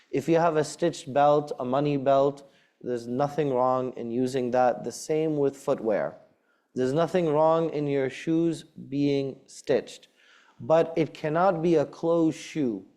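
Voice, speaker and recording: A man's voice: mid-range voice, mellow. A man speaking as an imam, giving a congregation practical, conversational advice and repeating words for emphasis.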